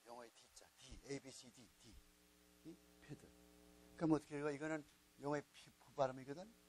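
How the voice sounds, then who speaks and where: A man's voice: mid-range voice, a little mellow, slight background noise, rough recording. Man teaching, coaxing and repetitive. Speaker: Bible teacher at a missionary training school. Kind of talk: classroom lecture.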